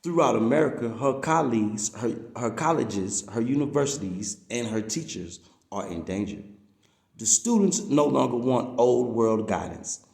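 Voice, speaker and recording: A man reads a religious-political written message aloud like a preacher, emphatic and drawing out the words he stresses. His medium-pitched voice is gravelly, a little mellow, and animated, at a moderate pace. The sound is roomy.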